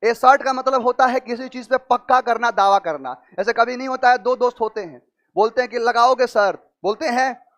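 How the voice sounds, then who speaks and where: A man teaching exam vocabulary with memory tricks, asking rhetorical questions and drawing out key words slowly. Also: extremely high pitch, a bit bright.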